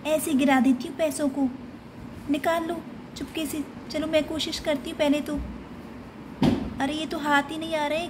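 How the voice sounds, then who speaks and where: A woman's voice: high-pitched, noisy background, close to an everyday voice. Woman voicing a bossy big-sister doll. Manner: scolding, impatient. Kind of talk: doll play storytelling.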